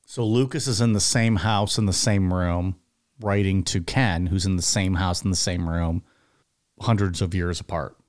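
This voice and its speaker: A man's voice: low voice, steady tone, normal speed. A man co-hosting a podcast, trading teasing, jokey banter. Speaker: podcast co-host. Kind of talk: casual chat.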